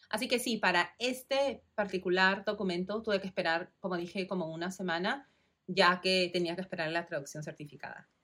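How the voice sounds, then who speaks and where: On her solo podcast, a woman from Peru in her thirties explains a process in a warm, step-by-step way. Her Peruvian Spanish accent colors a mid-range voice with a fairly bright tone.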